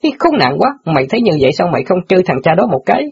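A man's voice: high voice, big pitch swings, very fast, darkish tone, breathy edge, heavily acted. A man voicing a cheeky, brash newspaper boy who teases his friend in an audiobook drama. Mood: teasing. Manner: brash, teasing banter. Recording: dull lo-fi audio.

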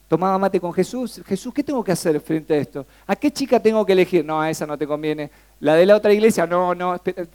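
A young man with a Rioplatense accent preaching a sermon, talking conversationally and peppering the congregation with questions. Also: high voice. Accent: Rioplatense Spanish. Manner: asks the congregation frequent questions, lively and conversational.

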